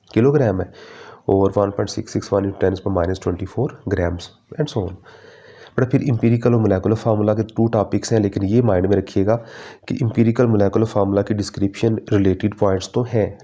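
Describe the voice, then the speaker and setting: A man walks students through a chemistry syllabus in a fatherly tone. His voice is mellow and dark, and he slows down when he reads out the English syllabus lines. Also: on the low side. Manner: fatherly, calls students "beta", mixes English terms. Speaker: chemistry teacher. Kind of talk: exam-prep syllabus lecture.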